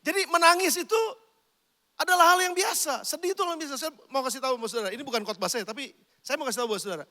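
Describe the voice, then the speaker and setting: A man's voice: very high-pitched, racing, bright, forceful tone, long reverb tail. A man preaching a sermon as pastor, talking conversationally and addressing the congregation directly. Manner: conversational preaching, addresses listeners as brothers and sisters.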